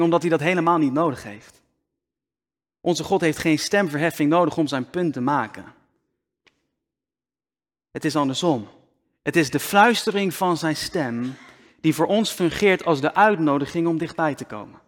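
Guy preaching a sermon, slow and deliberate, goes soft almost whispering, long reverb like a big hall. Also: a little high. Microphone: microphone.

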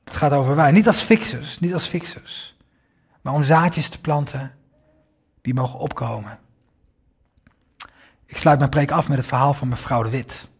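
A man's voice: mid-range voice, slightly rough. A man preaching a sermon, telling a story in an earnest way and addressing the listeners directly. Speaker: pastor.

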